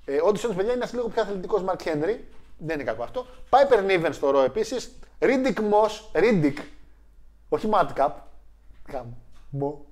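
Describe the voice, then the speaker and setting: A young man with a somewhat high voice co-hosts a casual chat. He talks in an animated, joking way and often slips into mimicking others. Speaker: co-host.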